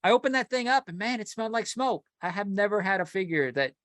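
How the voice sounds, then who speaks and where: Guy cohosting a collector podcast, kinda high voice, rambles and restarts a lot, dry sound. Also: fast talker, no room sound. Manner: animated, rambling with many restarts. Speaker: podcast co-host. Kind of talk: casual chat.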